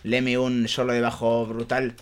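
A man's voice: mid-range voice, completely flat delivery, moderate pace, slight background noise. A man with a Spain Spanish accent co-hosting an improvised radio show, eager and swearing casually.

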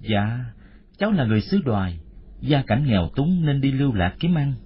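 A man's voice: mid-range voice, very animated, moderate pace, husky. A man voicing a humble young wandering musician who speaks politely and with deference. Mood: polite, earnest. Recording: muffled lo-fi audio.

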